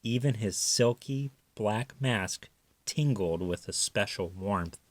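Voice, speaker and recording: A man narrating a children's story aloud with careful, expressive delivery. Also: lowish voice, slow, dry recording. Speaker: storybook reader.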